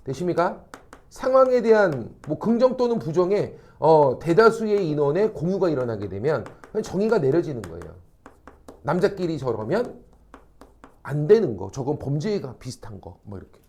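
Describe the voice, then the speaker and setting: A man's voice: a little high, normal speed. A man teaching a classroom lecture, casual and blunt with his students, acting out quoted people and checking constantly that they follow. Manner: animated, acts out quoted people. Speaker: academy teacher.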